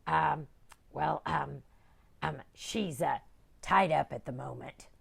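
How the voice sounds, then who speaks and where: A woman's voice: deep voice, slow, vocal fry, husky, full character voice. A woman voicing a bossy, blustering male pirate captain who growls and bluffs his way through. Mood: gruff.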